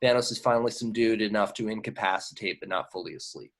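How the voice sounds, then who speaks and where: A man with a lowish voice reads stage directions at an amateur table read, going fast with fairly even intonation. He reads the scripted action descriptions and occasionally stumbles and repeats words.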